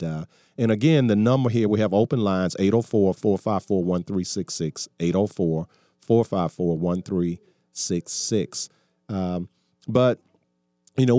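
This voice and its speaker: A man's voice: lowish voice, dark tone, no room sound, studio quality. A man in his sixties hosting a call-in talk radio show, folksy and preachy, often restarting his sentences. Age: 60s.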